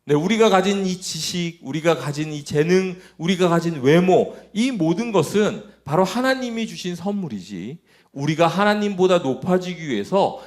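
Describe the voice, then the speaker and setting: A man leading a children's sermon and prayer in church, speaking to the kids in a gentle, encouraging way. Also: fairly high pitch. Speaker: children's pastor. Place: church worship room.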